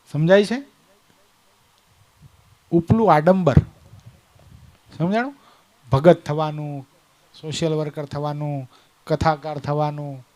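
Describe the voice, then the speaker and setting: Preacher, higher voice. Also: male voice. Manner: conversational, questioning the listeners. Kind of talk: devotional sermon storytelling.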